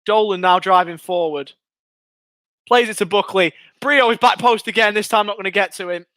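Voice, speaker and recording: A young Englishman, high-pitched and speaking at a normal speed, chats excitably through a live match watchalong for fans, reading out comments from viewers. His voice is turning hoarse and giving out. The recording is clean studio sound without echo.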